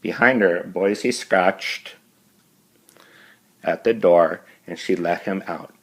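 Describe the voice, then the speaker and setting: A man's voice: low-pitched, slow pace, rough recording. A male teacher reading a novel aloud to his class, breaking off for friendly asides to his students.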